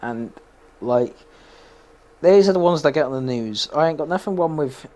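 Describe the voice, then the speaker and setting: A man's voice: a little high, expressive, moderate pace, a little mellow. A young man chatting casually while playing a game, rambling, opinionated and laughing often. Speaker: gaming streamer.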